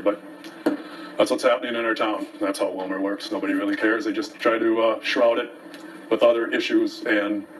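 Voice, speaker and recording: A man hosting a local commentary show, giving an opinionated, folksy, aggrieved monologue to viewers, sometimes reading from papers. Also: lowish voice. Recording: distant mic, faint background noise.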